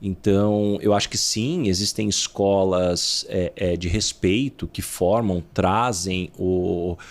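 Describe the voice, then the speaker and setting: A man's voice: low voice, steady tone, slow. A man hosting an interview podcast, speaking frankly and laying out his views in ordered points. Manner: frank, explains in structured points. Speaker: podcast host. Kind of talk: interview conversation.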